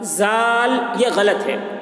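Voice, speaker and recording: High-voiced man teaching, echoey room. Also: a bit bright, soft background music. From India. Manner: drawn-out sung letter sounds between plain explanation. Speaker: Quran reading teacher. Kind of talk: letter pronunciation lesson.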